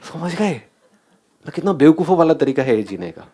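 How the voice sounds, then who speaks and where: A man's voice: on the high side, sing-song, normal speed, mellow, a little hiss or hum. A man giving a motivational talk, asking the audience questions and mixing English phrases into his speech. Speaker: motivational speaker.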